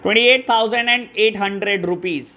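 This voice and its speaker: This man's voice is high, bright and forceful, and he talks fairly quickly. He teaches commerce, walking his class through journal entries in an accounts lesson, mixing in technical terms and affectionately addressing the students as "my dear children."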